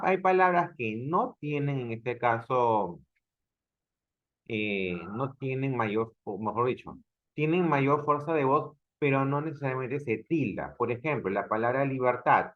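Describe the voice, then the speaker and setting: A man's voice: mid-range voice, a little slow, highs cut off. A man from Peru teaching an online grammar class, explaining step by step and often checking with the students.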